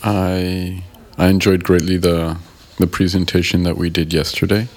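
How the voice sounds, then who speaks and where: A man from the United States, a guest in an interview, answering in a thoughtful, measured way and pausing to rephrase. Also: low-pitched, level tone. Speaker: guest, member of an art collective.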